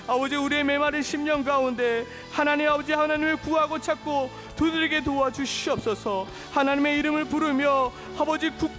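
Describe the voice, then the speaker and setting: A man, a pastor, leading a prayer meeting and praying fervently in long, repetitive petitions. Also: extremely high pitch.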